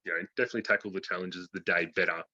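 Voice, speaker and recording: A man's voice: sits low, steady tone, racing, bright, forceful tone, no room sound. A man, giving a casual interview in slangy, laid-back speech. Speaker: interviewee, programme graduate. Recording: dull lo-fi call audio.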